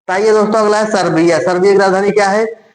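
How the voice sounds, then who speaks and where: High-voiced man teaching exam tricks. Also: steady tone, quick pace, roomy sound, low-quality recording. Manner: repetitive, keeps addressing friends; stumbles and restarts words. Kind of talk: exam tips lesson.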